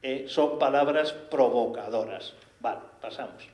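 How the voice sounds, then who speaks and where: A man with a Spanish accent preaching a sermon, animated and full of rhetorical questions. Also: medium pitch, unhurried. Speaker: priest. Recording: echoey room.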